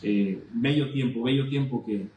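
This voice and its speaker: A man's voice: mid-range voice, measured pace, a little mellow, reverberant, a little hiss or hum, low-quality recording. A man, a poet being interviewed, reminiscing and often repeating words as he searches for them, then reciting a poem. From Veracruz, Mexico. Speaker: poet and guest. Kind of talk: conversational interview, poetry recital.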